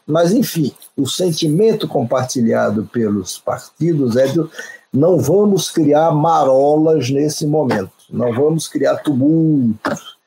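A man with a dark, heavily husky voice lays out political analysis on a talk panel. He speaks in a measured, explanatory way, often restarting a phrase before pressing on. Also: medium pitch, rough recording. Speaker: political commentator.

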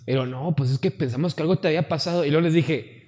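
A man with a Mexican Spanish accent telling a profane, animated story to friends on a podcast, acting out what others said. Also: on the high side, racing, in a large hall. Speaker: podcast co-host. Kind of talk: casual storytelling among friends.

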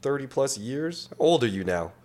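A man's voice: medium pitch, sing-song, normal speed, darkish tone. Brash profane man in his thirties. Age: 30s. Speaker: podcast guest. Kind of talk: casual chat.

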